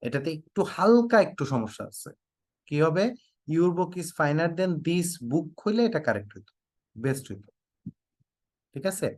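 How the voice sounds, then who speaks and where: A man's voice: fairly high pitch, sing-song, measured pace, pauses often, darkish tone, dry recording, clean studio sound. Bangladeshi man teaching English grammar. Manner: quizzing students, repeats prompts to type answers; joking mock threats. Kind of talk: online class lecture.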